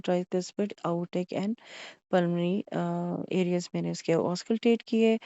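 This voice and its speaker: A woman's voice: fairly low pitch, mellow, no room sound, highs cut off. A woman playing a doctor in a mock consultation, asking methodical questions and narrating each examination step aloud. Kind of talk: mock clinical consultation, history taking.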